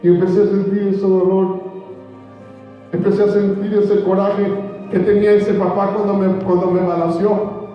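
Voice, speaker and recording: A man with a high voice gives an earnest church testimony, repeating phrases and speaking straight to the congregation. He is heard from far off in a large hall with heavy echo and a long reverb. The sound is muffled, with music playing faintly behind. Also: level tone, moderate pace. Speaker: speaker giving a conversion testimony.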